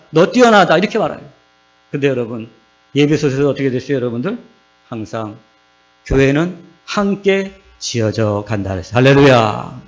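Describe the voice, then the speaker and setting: A male pastor preaching a sermon, keeps putting questions to his congregation and acts out the voices he quotes. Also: a little high. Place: church sanctuary. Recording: dull lo-fi recording with mains hum.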